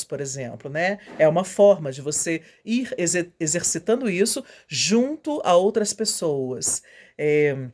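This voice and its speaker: A middle-aged woman teaching about voice careers, speaking in a measured way with frequent tag questions. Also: fairly low pitch, darkish tone. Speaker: voice professional answering students. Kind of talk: informal spoken lesson.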